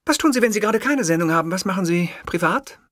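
A man's voice: sits high, animated, fast talker, fairly bright tone, no room sound, studio quality, voice pushed up. A man voicing a young, impatient female journalist who asks curt, probing questions in an audiobook. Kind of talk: audiobook character voice.

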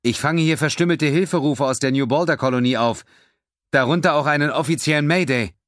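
A focused male alien officer relays garbled reports from the planet, as a deep-voiced narrator puts him on. His voice is set higher than the reader's own and delivered with careful concentration. The read is dry. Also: fairly quick, fairly bright tone, no room sound, lightly acted. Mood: urgent.

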